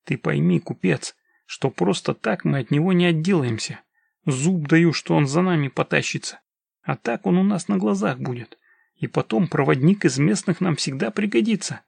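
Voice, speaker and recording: A man's voice: high-pitched, expressive, measured pace, creaky, slightly rough, no echo, voice pushed up, exaggerated voice. A man doing a shrewd persuasive scout. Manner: persuasive, questioning.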